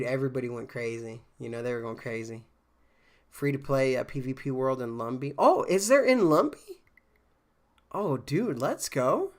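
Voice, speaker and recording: A man with a medium-pitched, fairly bright voice talks loosely with his game-stream viewers. He's a little congested from a cold and wanders through the conversation with fillers and restarts.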